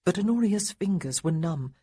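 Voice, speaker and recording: A woman narrating a historical romance audiobook in an expressive storytelling manner. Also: on the low side, normal speed, husky. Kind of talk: scripted narration.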